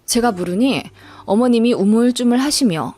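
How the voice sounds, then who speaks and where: Story narrator, woman, scripted first-person tale, lively swooping delivery, faint music underneath. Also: fairly high pitch, normal speed. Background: soft background music.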